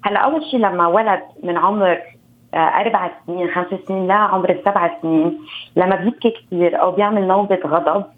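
A woman with a Lebanese accent gives calm, instructive advice as a guest expert. She talks briskly and explains point by point. Her voice comes through a thin, phone-like line. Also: fairly low pitch. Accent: Lebanese Arabic. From Beirut.

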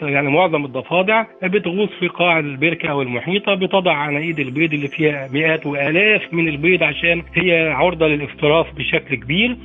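An Egyptian man explaining informally as an expert, halting often over filler phrases. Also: fairly high pitch. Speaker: expert interviewee. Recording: narrow, phone-like sound. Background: faint music.

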